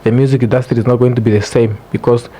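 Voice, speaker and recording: A man's voice: medium pitch, little pitch movement, racing, warm tone. A man with a Namibian accent speaking as a podcast guest, explaining things earnestly in casual interview talk.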